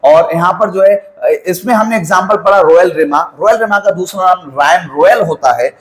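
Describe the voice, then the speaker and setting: A man's voice: high voice, moderate pace, low-quality recording. A man teaching a lesson on poetry, who asks questions and answers them himself and counts out rhyme schemes letter by letter. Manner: mixes in English terms. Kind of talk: classroom lecture on poetry.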